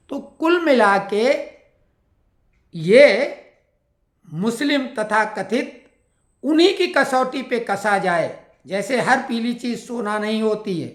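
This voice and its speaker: A woman with a fairly high voice delivers an opinionated political monologue. She stacks up pointed rhetorical questions as she goes. Her voice rings with the echo of a roomy space. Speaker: political commentator.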